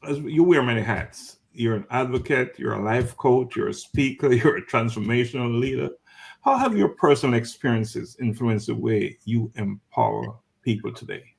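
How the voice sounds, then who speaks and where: A man's voice: mid-range voice, vocal fry. A man hosting a talk show, asking questions and affirming his guest by repeating her words. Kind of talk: interview questions.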